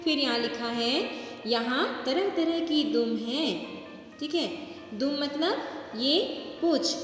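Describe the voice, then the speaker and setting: A woman's voice: high voice, slow. A woman teaching a kindergarten Hindi lesson, patiently spelling out words sound by sound and often checking "ठीक है" with the children. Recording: echoey room with faint music.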